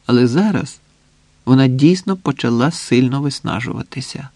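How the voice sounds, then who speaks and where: A man reading a novel aloud as the narrator, calm and even in his storytelling. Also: medium pitch, moderate pace, no echo. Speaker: audiobook reader. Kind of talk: scripted narration.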